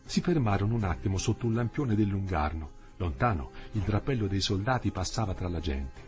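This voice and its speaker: A man reading a novel aloud in a measured, expressive storytelling manner. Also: sits low, faint music behind. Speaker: audiobook narrator. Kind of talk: literary audiobook reading.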